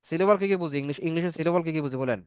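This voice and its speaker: A man teaching spoken English in an online class. His voice sits a little high for a man and sounds dry and close, with no room around it. He keeps coaxing his students to speak and repeats himself as he explains. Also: very fast, smooth, no echo. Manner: coaxing, repetitive, asks students to answer.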